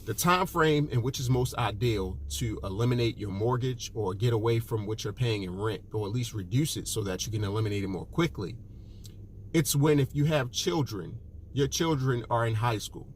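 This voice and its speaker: A man's voice: mid-range voice, normal speed, a little hiss or hum. A man, a personal finance author, giving direct advice to the camera, emphatic and repeating his key points with frequent "okay" and "look".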